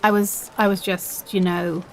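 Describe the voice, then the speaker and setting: A woman playing a shy, nervous young woman in an audio role-play, speaking haltingly and putting herself down as she confesses a crush. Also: fairly low pitch, level tone, close to an everyday voice. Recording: faint background noise.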